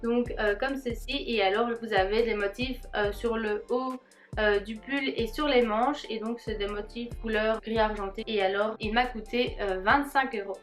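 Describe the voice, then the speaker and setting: A woman's voice: a little high, fairly even intonation, soft background music. Chatty young woman showing her clothes. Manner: hesitant, with frequent filler pauses; friendly, addressing viewers directly. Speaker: fashion vlogger. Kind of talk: casual try-on haul vlog.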